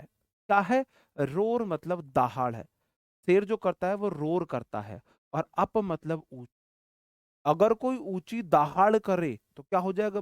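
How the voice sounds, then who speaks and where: Male teacher, fairly high voice, dry close recording, animated classroom lecture, repeats words, quick rhetorical questions. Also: no room sound. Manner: jokey memory tricks, calls listeners brother. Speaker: English vocabulary teacher.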